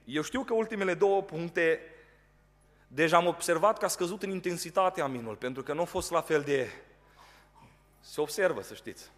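A man with a Romanian accent preaching a sermon in a church prayer house, telling stories and acting out the people in them. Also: a little high. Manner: lively, animated storytelling with voiced quotes. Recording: long hall reverb.

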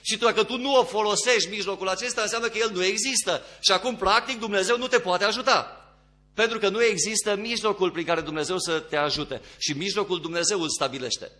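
Bright-voiced preacher with swelling emphasis. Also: male voice. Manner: swings between quiet low passages and rising emphatic ones. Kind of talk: sermon.

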